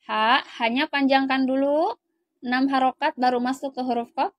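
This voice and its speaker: A woman's voice: high-pitched, fairly even intonation, moderate pace, no room sound. An Indonesian woman teaching Qur'an recitation, over-enunciating as she draws out and stresses each syllable in demonstration. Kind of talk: step-by-step recitation lesson with slow demonstrations.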